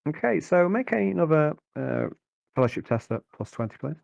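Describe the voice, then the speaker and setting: A man narrating a tabletop game as game master, improvising in a conversational, halting way and often repeating words. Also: on the high side, big pitch swings, vocal fry, darkish tone, dry recording.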